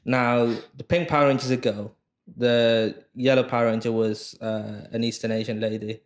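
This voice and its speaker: A man's voice: mid-range voice, flat delivery, moderate pace. A man hosting a podcast, joking and telling stories with frequent laughs. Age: 20s. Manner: joking storyteller, laughs often. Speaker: podcast host. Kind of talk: casual podcast chat. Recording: roomy echo.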